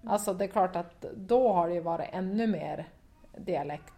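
A woman's voice: fairly low pitch, mellow. Woman with a broad northern Swedish dialect. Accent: Västerbotten Swedish dialect. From Skellefteå area, northern Sweden. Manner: hesitant, many fillers, laughs often. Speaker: football pundit, former player. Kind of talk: casual interview answers.

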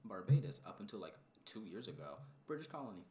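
A man's voice: on the low side, big pitch swings, quick pace, dark tone, slight background noise. A man in his twenties co-hosting a podcast, joking and playfully defending himself in casual banter. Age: 20s. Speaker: podcast co-host. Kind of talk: casual chat.

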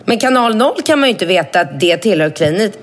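A woman in her thirties chatting casually as a podcast co-host, telling an animated story, swearing freely and leaping up in pitch to act out quotes.

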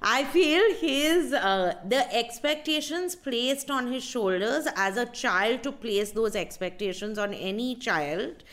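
A woman with an Indian accent and a fairly high voice, co-hosting a casual podcast. She gives her opinions bluntly and argues readily in a conversational way. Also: expressive, slow, few pauses, fairly bright tone. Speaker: podcast co-host.

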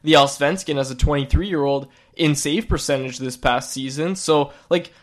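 A man with a stuffy, nasal voice from a lingering cold talks in an eager, fast podcast chat. His voice sits a bit above the usual male range, and he often restarts his sentences as he gets excited. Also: a little high. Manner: quick, excitable, trailing restarts. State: sick, recovering from a cold. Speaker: podcast co-host. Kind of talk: casual sports podcast chat.

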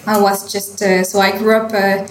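A French woman in her late twenties, a winemaker, answers interview questions in English with a French accent, often hesitating with fillers and restarts. Her voice sits at medium pitch with little pitch movement and a moderate pace, and the echoey room is a hotel wine cellar.

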